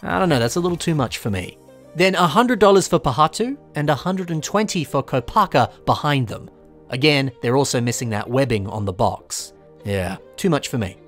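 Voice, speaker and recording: A young Australian toy collector chats casually over his shopping vlog, sharing strong opinions as he weighs up toy prices. His medium-pitched voice is animated and a bit bright, at normal speed, with faint music behind him.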